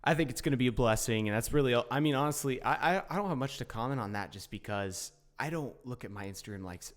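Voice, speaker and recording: A man's voice: mid-range voice, fast talker. A young man co-hosting a podcast in casual chat, easygoing and a bit offhand. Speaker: podcast co-host.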